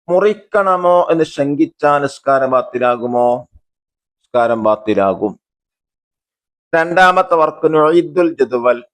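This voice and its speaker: A man teaching a religious school lesson. He reads the textbook aloud, then explains it, asks questions and answers them himself, and glosses key terms. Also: a little high.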